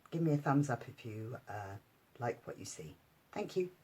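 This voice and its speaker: A woman demonstrating paper crafts at home, chatting in a relaxed way and thinking aloud with many ums. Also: very deep voice, moderate pace, slightly rough. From United Kingdom. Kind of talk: casual craft tutorial.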